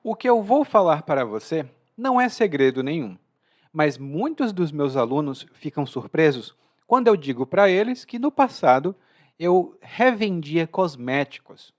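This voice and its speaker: Hosting a podcast lesson, a language teacher with a Brazilian Portuguese accent speaks chatty and expressive in a fairly high voice, slowing down to stress key words.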